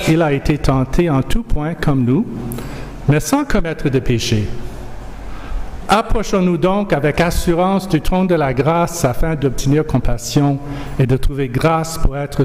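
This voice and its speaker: Slow-speaking preacher in an echoey hall. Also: male voice, fairly high pitch, a little mellow, slight background noise. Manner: slow, measured, emphatic delivery. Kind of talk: sermon with scripture reading. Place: church hall. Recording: echoey hall, faint ambience.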